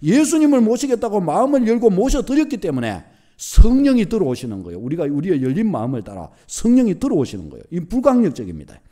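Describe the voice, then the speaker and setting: High-voiced, animated Gyeongsang pastor preaching. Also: male voice, fast. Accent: Gyeongsang Korean. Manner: animated, repetitive emphatic preaching with homely examples. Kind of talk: sermon.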